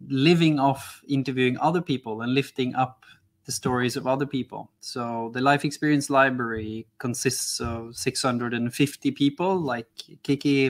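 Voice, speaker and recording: A man's voice: mid-range voice, fairly bright tone. A man in his thirties from Norway, a guest on a video call, speaking earnestly and steadily. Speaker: guest, founder.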